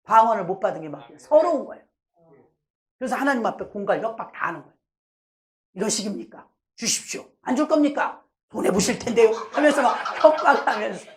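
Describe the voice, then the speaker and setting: A middle-aged woman pastor giving a sermon testimony, telling her story with lively acted-out prayers. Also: mid-range voice. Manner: animated storytelling, acting out her own past prayers.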